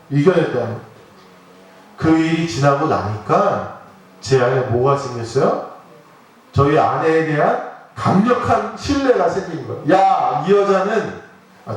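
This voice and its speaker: A man in his thirties delivers a Sunday sermon with a high, lively voice that rises and falls as he asks the congregation questions. The sound carries a heavy church echo, picked up from some distance away from the microphone. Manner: animated preaching with rhetorical questions and personal stories. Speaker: pastor. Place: church sanctuary.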